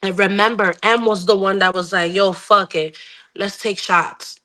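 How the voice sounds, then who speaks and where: A book club podcast host, a woman with a mid-range, steady, sharp voice at moderate pace, chats casually in two languages. She's emphatic and slangy, repeating phrases and dramatizing retellings.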